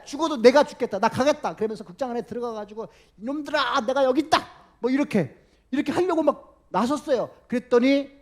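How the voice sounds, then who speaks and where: A man, a pastor, preaching a sermon and telling the story in a lively way, now and then acting out the people in it. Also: very high-pitched. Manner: animated storytelling, acting out quoted voices.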